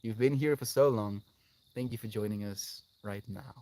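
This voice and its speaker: Here a lowish, darkish male voice moves at a moderate pace, recorded without echo. The livestream host chats effusively with his audience, replying to their comments and treating them affectionately as friends.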